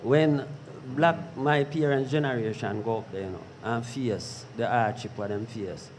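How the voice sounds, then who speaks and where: A Jamaican man presenting in a live radio discussion, urging his point with halting restarts. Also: mid-range voice, darkish tone, slight background noise.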